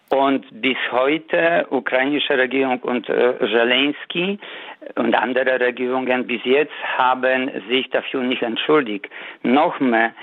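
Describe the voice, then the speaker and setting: A man from Poland with a Polish accent calls into a radio show, speaking halting German with non-native grammar. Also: medium pitch, dry recording. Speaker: caller. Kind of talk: call-in radio comment. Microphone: telephone. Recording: tinny phone line.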